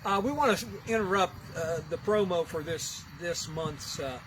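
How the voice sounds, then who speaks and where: A man chatting casually in a folksy, joking way, with halting fillers, as he thanks a friend and hands over an award. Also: sits high, background noise. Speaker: musician presenting an award. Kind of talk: casual chat on a film shoot.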